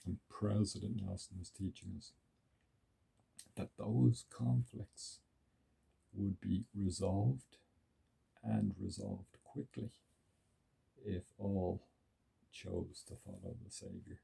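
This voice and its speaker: A man giving earnest, reflective religious commentary, stacking words for emphasis and pausing with small fillers. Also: sits low, very animated, vocal fry, dark tone, husky, rough recording.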